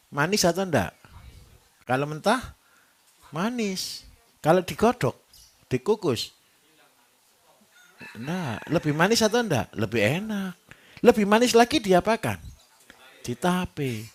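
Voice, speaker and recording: A man with a Javanese accent giving a live workshop lecture to farmers, joking and quizzing his audience as he goes. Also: high-pitched. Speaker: livestock trainer.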